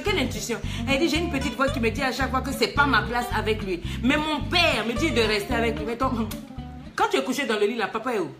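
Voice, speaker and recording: A woman life coach talks live in a lively, teasing way. Her voice sits a little high, and she keeps throwing rhetorical questions back at her listener. The delivery stays emphatic throughout. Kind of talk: live advice talk reading a letter.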